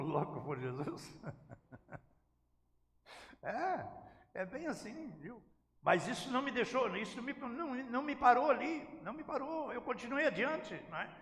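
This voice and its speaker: A man's voice: very high-pitched, fairly bright tone. A man preaching a sermon as pastor, emphatically questioning his congregation. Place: church sanctuary. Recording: echoey church hall.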